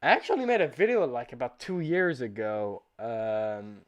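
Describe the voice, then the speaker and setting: A drunk livestream host rambling and swearing through casual commentary, getting drunker and prone to excitable shouting. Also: medium pitch, normal speed, highs cut off.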